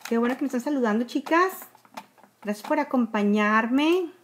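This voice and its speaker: Expressive and fairly high-pitched, she speaks at normal speed, with a little hiss or hum on the recording. The Mexican-accented makeup vlogger, in her forties, chats directly with viewers through a live tutorial from a small room, calling them girls and trailing into whispers while she applies makeup, using a phone or webcam at close range.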